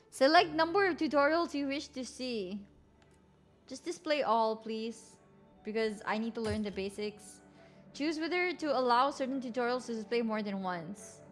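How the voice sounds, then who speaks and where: A woman livestreaming a game with casual, expressive commentary and some swearing. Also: on the high side.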